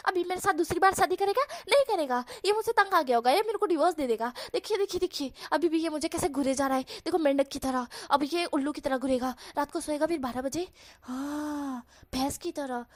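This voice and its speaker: Woman reading as a shrill, theatrical young man, quick to scold and mock. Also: natural voice. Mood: indignant. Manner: scolding, teasing, exaggerated complaints. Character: sassy dramatic young man, quick-tempered. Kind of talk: storybook voice acting.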